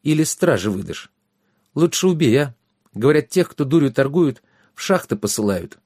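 A man's voice: mid-range voice, very animated, moderate pace, a little mellow, husky, no room sound, studio quality, pitched above the performer's own voice. A man voicing a timid young runaway male squire who pleads and whimpers. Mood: pleading fearful.

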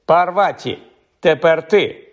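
A man voicing a calm, encouraging middle-aged male wizard teacher in an audiobook reading. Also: medium pitch, moderate pace, highs cut off. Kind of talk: audiobook character voice.

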